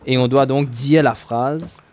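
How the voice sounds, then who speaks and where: A man hosting a TV talk show, upbeat and quick, laughing often with his guest. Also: medium pitch, steady tone, a little mellow. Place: TV studio.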